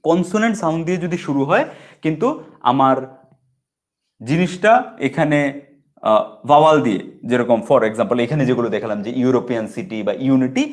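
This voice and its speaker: Speaking with a Bengali accent, a man teaches English grammar in an easygoing way, patiently going over example words again and checking in with frequent "okay"s. His pitch is medium and his pace a little fast, broken by long pauses.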